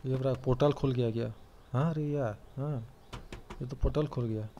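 A man's voice: mid-range voice, fairly even intonation, normal speed, dark tone, slight background noise. A young man giving casual, chatty commentary on his own gameplay and joking about himself. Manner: chatty, self-mocking, calls out to teammates. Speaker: gamer commentating his play.

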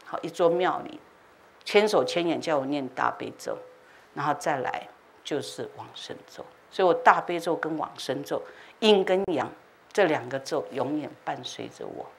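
A woman Buddhist master giving a dharma talk as a lively story, acting out dialogue and sound effects. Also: low voice, normal speed, creaky, a little hiss or hum. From China. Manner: animated, acts out dialogue with laughs and sound effects. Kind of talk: storytelling sermon. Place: temple hall.

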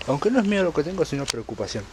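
Young male explorer-vlogger, Argentine accent, casual coarse speech, handheld camera outdoors with clear background noise. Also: fairly high pitch, sing-song, racing. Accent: Argentine Spanish. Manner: coarse, slangy, swearing. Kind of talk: casual vlog chat while exploring. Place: outdoors at night, street and open country. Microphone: handheld camera or phone. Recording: noisy handheld outdoor recording.

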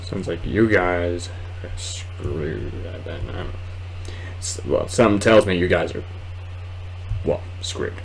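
Speaking slowly in a deep voice and pausing often, this twenty-something gamer rambles through a relaxed let's play while muttering hesitantly to himself. He's a video host recording indoors in a small room at home, and the audio is plainly noisy.

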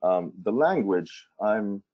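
Jordanian man, low and dry-sounding, chatty presenter who fills pauses with ums. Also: animated, dry recording. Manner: casual, many fillers and restarts. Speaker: tourism board presenter. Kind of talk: webinar presentation. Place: Washington D.C. remote setup. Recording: dull lo-fi audio.

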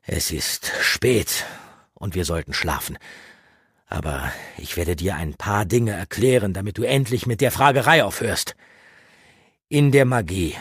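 A man voicing a gruff, guarded older male mentor in an audiobook, speaking in a grave, lecturing way with a husky voice. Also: fairly low pitch, dry recording, clean studio sound, voice pushed up, exaggerated voice. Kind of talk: audiobook character reading.

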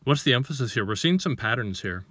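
A man's voice: mid-range voice, expressive, fast, fairly bright tone, slightly rough, dry recording. A man giving an informal sermon to the camera, reading scripture and then explaining it with rhetorical questions and a few restarts as he searches for words.

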